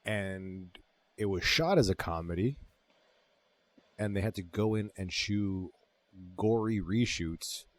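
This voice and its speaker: A man with a very low voice co-hosts a casual podcast. He recaps a movie with lots of swearing and enthusiasm. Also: takes it slowly, pauses often, dry recording. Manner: profane, enthusiastic retelling. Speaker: podcast co-host.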